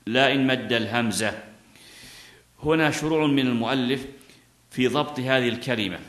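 Male scholar, middle-aged, mid-pitched, reads passages then quizzes his class, roomy echo. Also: fairly bright tone. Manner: reads quotes from the book, then explains with questions to students. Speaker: Islamic scholar teaching a fiqh text. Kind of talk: classroom lecture explaining a text. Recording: echoey room.

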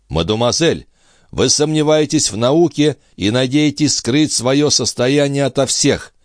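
A man voicing a calm, firm middle-aged doctor in an audiobook, speaking in a measured, insistent way. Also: medium pitch, no room sound, clean studio sound, pitched above the performer's own voice, natural voice.

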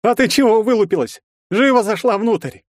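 Guy putting on an angry young thug, high and loud, yelling threats, dry sound. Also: sing-song, quick pace, dry recording. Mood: furious. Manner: shouting, snarling threats. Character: arrogant young male brawler, hot-tempered bully.

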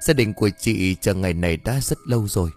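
A man voicing a gentle, steady wife in an audio story, speaking calmly and reassuringly. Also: on the low side, quick pace, faint music behind, natural voice. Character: calm middle-aged wife, gentle and steady.

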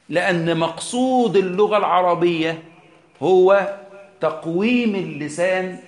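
Egyptian sheikh teaching in an echoey room. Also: male voice, a little high. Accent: Egyptian Arabic. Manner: explanatory, poses rhetorical questions, mixes formal and colloquial Arabic. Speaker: sheikh teaching Quran exegesis. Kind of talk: religious lesson.

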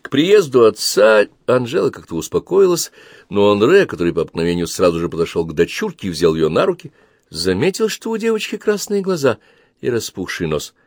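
A man narrating an audiobook story in an expressive, dramatic way. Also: on the low side, a little fast, no room sound, studio quality. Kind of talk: audiobook reading.

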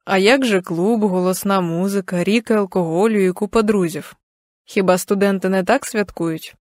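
A woman reading an audiobook, voicing a reserved young man who speaks quietly and curtly on the phone. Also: mid-range voice, normal speed, dry recording, studio quality, lightly acted. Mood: hushed. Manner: hushed and curt.

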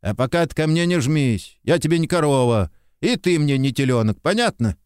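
A man voicing an irritable, sharp-tongued soldier who scolds curtly and sarcastically in an audiobook. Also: on the high side, expressive, normal speed, clear, resonant tone, dry recording, studio quality, close to an everyday voice. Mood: scolding. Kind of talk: audiobook character reading.

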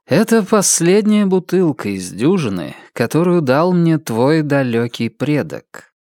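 A man reading an audiobook, voicing an ancient, gentle angel in a slow, measured, solemn way. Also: a little high, sing-song, no echo, studio quality, voice pushed up. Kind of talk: audiobook character voice.

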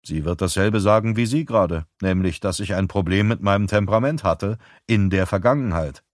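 A man's voice: lowish voice, brisk, dry recording, clean studio sound, natural voice. A man reading an audiobook, playing a guarded man under questioning who gives terse, defensive answers.

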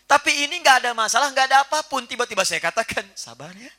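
A man giving a religious lecture to a live audience, animated and playful, acting out little household scenes. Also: extremely high pitch, rapid-fire. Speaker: preacher.

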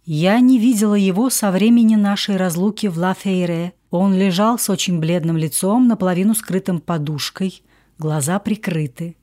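Woman audiobook narrator, measured and subdued, with a dark, mellow voice. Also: mid-range voice. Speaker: audiobook reader. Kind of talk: first-person memoir narration.

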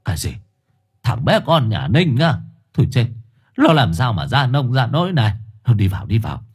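A husky-voiced man voicing an elderly male coffin maker of about seventy, asking startled questions. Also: medium pitch, big pitch swings, normal speed. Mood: alarmed.

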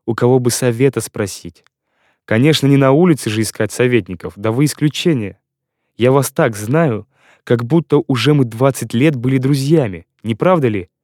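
A man's voice: mid-range voice, darkish tone, no echo, studio quality, lightly acted. A man reading a shy, candid young woman. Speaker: audiobook reader. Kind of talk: audiobook character reading.

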